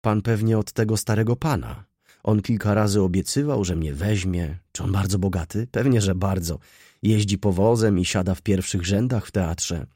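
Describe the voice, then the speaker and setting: A man's voice: fairly low pitch, normal speed, warm tone, no room sound, studio quality, lightly acted. A man voicing a cynical, poor nineteen-year-old girl who talks in a pert, mocking, argumentative way. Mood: brash, chatty.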